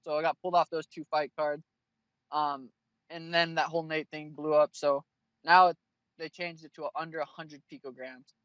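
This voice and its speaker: A man's voice: a little high, level tone, moderate pace, fairly bright tone, no echo, dull audio. A man in his twenties, a fighter being interviewed, answering bluntly and with plenty of swearing. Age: 20s. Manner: blunt and profane.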